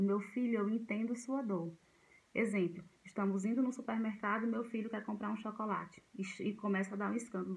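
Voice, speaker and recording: Gravelly-voiced woman teaching parents. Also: medium pitch, rough recording. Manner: conversational, repeats herself, many fillers and restarts. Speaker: parenting educator. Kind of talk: informal talk to parents.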